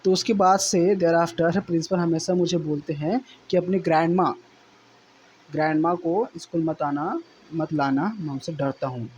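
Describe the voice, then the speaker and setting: A man teaching as an English teacher. He reads English lines slowly, then explains them in Hindi, often repeating himself and adding "है ना". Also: a little high, fairly even intonation, a little mellow, highs cut off, a little hiss or hum.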